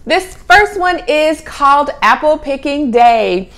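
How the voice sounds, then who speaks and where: A middle-aged woman hosts a homeschooling vlog, chatting casually to camera as she presents children's books, stretching and repeating key words for emphasis. Her voice sits high and a bit bright, with lively intonation and a slow pace. She's recorded on a clip-on lapel mic in a small home room with a sloped ceiling.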